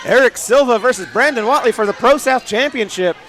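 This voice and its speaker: A man's voice: very high voice, fairly quick, over music. A man doing live wrestling commentary, naming moves and wrestlers as the fight spills out. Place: wrestling arena with a crowd. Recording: commentary over loud arena crowd.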